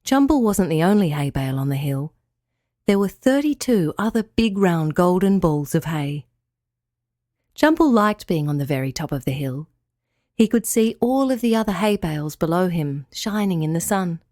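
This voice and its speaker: A woman narrating a children's audio story in an expressive, storytelling way. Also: fairly low pitch, moderate pace, no room sound, clean studio sound.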